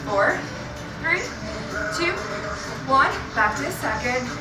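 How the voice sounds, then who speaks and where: A woman's voice: sits high, animated, takes it slowly. A woman leading an indoor cycling class as instructor, giving short motivational cues and instructions. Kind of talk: fitness class coaching with countdowns and cues. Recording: roomy, distant mic under loud music. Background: loud workout music.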